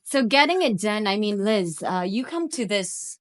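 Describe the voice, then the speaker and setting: A woman's voice: mid-range voice, expressive, moderate pace. A woman hosting and moderating a panel discussion, affirming speakers and prompting guests for their stories. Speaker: host.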